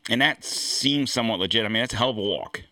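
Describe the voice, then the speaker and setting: A man's voice: mid-range voice, sing-song, brisk, gravelly, pushed and bright, no room sound. A man hosting a political commentary show, talking in a rambling, blunt way with frequent restarts and some swearing. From United States. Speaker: podcast host. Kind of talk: casual political commentary monologue.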